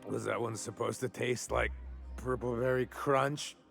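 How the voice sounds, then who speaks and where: Brief: tipsy braggart guard, gravelly, slow and slurring, swoops all over in pitch. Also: male voice, steady tone, a bit bright, soft background music. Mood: tipsy rambling. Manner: slurring, giddy, rambling. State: drunk. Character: drunk boastful young male bodyguard.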